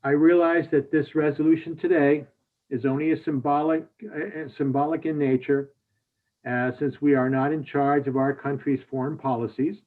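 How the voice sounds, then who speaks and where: A man from Hungary, a state representative, giving measured, formal testimony to a committee over a video call. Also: fairly high pitch, level tone. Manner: measured, formal, with small restarts. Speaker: state representative, bill sponsor. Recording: tinny phone-like audio.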